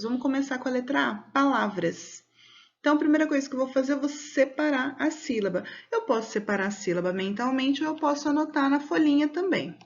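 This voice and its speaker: Brazilian woman, schoolteacher, patient step-by-step explaining, stretches words slowly, slightly dull sound. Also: high-pitched. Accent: Brazilian Portuguese. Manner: stretches words out slowly to mark the stressed syllable. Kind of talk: recorded video lesson for children.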